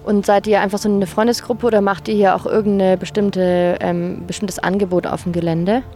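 A woman's voice: mid-range voice, little pitch movement, brisk, mellow, soft background music. A woman interviewing people outdoors at a festival, asking friendly, curious questions. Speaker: festival reporter. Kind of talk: casual street interview.

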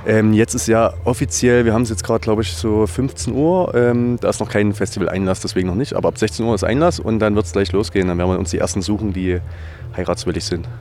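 A man answering interview questions outdoors at a festival, relaxed and dryly humorous, with many hesitations. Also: on the low side, fast talker, a little hiss or hum. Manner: relaxed, dry humor, filler "ähm".

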